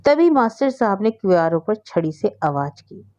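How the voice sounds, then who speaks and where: A woman narrating a story aloud in a steady, expressive storytelling manner. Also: medium pitch, moderate pace, lo-fi sound.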